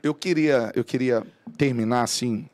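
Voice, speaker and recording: Male podcast host, relaxed conversational delivery. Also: medium pitch, unhurried. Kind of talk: casual podcast chat.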